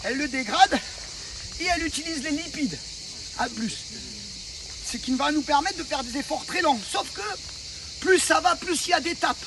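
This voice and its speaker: A man's voice: very high voice, distant mic, background noise. A man coaching trainees, explaining energy systems and checking that they follow. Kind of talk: explaining sports physiology to trainees.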